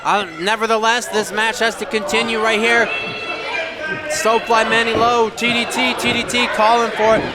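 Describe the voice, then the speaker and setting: Very high-pitched man, excitable wrestling commentator. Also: moderate pace, very noisy. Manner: emphatic, excited, repeats phrases. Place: live wrestling event. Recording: loud crowd and music behind.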